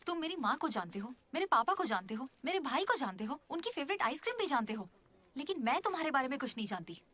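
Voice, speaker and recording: A woman's voice: high-pitched, big pitch swings, pushed and bright, heavily acted. A young woman dubbing a hurt girlfriend who reproaches her boyfriend in a film. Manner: reproachful, quickening. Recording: music score under the voice.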